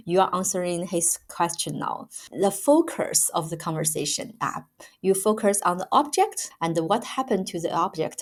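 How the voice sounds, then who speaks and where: A woman's voice: medium pitch, a little mellow. A woman giving a patient, emphatic grammar lesson as a language teacher, repeating each example.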